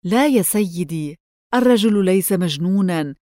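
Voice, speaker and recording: A woman's voice: lowish voice, animated, moderate pace, mellow, dry recording, studio quality, close to an everyday voice. A woman reading the lines of a polite, deferential male head clerk who studies handwriting, in a storybook. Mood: respectful. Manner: polite, respectful.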